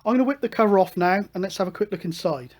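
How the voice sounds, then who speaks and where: A man's voice: sits high, rapid-fire. A British man hosting a hobby electronics video, talking through a hands-on demonstration in a chatty, matter-of-fact way.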